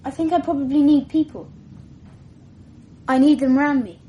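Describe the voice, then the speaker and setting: In a 1980s radio drama, a woman with a high-sitting, mellow, natural voice plays a clever, self-assured twelve-year-old English schoolboy. At a normal speed and in a reflective mood, the character talks in a precocious, wordy, self-deprecating way.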